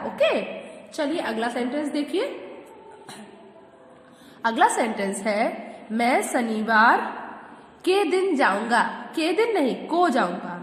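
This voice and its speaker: A woman teacher giving a patient grammar lesson to children, asking questions and answering them herself. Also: fairly high pitch. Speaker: school teacher. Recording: echoey room with long reverb.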